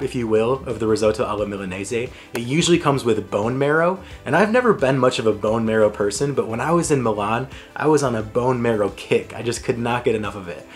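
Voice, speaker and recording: A young man talks through a travel food vlog in a chatty, eager way, poking fun at himself as he goes. His voice sits at an ordinary middle pitch. Soft music plays faintly underneath. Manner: chatty, enthusiastic, self-deprecating. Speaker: travel vlogger. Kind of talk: casual food narration.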